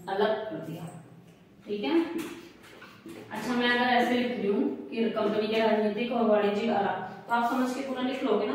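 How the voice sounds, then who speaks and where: A young woman with a slightly high, darkish voice teaches a lecture class, repeating herself and often checking in with "ठीक है?" to make sure students follow. She's far from the mic in an echoey room, with a little hiss or hum.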